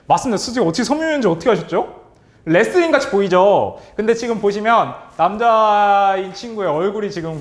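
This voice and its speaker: A man runs a quiz-style workshop for teachers in a high, bright-toned voice that swoops up and down with lively range. He is upbeat and animated, calling on his audience, cheering their answers and chuckling often. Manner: chuckles often between remarks. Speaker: career-education trainer leading a teacher workshop.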